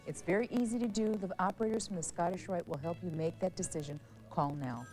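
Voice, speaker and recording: A woman's voice: fairly low pitch, fast talker, warm tone, soft background music. A woman hosting a public television pledge drive, speaking persuasively and earnestly with repeated, building phrases.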